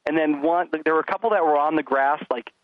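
A man's voice: on the high side, quick pace, no room sound, phone-quality sound. A middle-aged man, chatting casually as a podcast guest and acting out stories about his kids. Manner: animated storyteller acting out his kids and himself. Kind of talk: casual chat.

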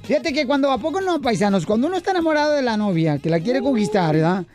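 Male comedy radio host, loud and playful, faint music behind. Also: very high-pitched, big pitch swings, fast. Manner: playful, loud, laughing between jokes.

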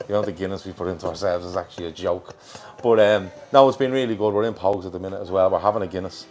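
Low-voiced Irish man hosting. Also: rapid-fire, darkish tone, slight background noise. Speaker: football show host. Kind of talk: casual live chat. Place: pub in Liverpool. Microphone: worn mic.

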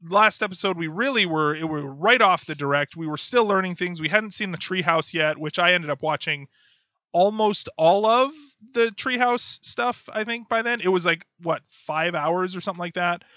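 A man hosts a casual podcast and tells stories in a light, chatty way, often laughing. His voice sits a bit high and sounds bright. The audio is dull, lo-fi and dry. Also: normal speed, no echo. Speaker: podcast host.

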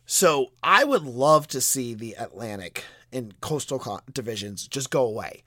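A man with a stuffy, cold-congested voice that squeaks a little, hosting a solo sports podcast in a conversational, opinionated way. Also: animated, unhurried, sharp tone, dry recording, studio quality.

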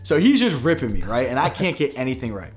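A man's voice: mid-range voice, big pitch swings, fast talker, faint music behind. A male podcast host telling a long, rambling anecdote in casual chat, full of "like" and fillers.

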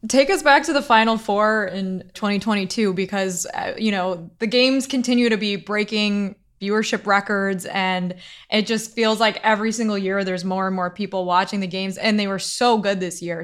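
Woman co-host, smooth clear voice, playful. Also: mid-range voice, fairly bright tone. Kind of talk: casual interview.

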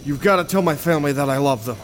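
A man's voice: on the high side, fast, a little hiss or hum, close to an everyday voice. A man playing a confused, pleading ghost of a bombing victim in an audio drama.

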